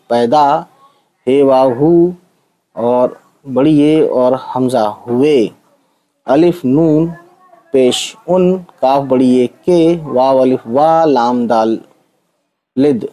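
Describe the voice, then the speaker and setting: A man teaches Urdu letters to Hindi speakers, reading slowly and patiently sound by sound and often checking that viewers are following. His mid-range voice has a warm tone, though the audio is poor.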